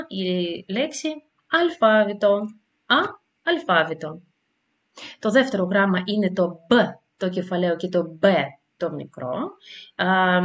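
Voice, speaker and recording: A woman teacher leads a beginner language lesson at an unhurried, careful pace. She pauses and hesitates often, and sounds out letters and example words clearly so learners can repeat them. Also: medium pitch, dull audio. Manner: slow, careful explanations with frequent hesitations.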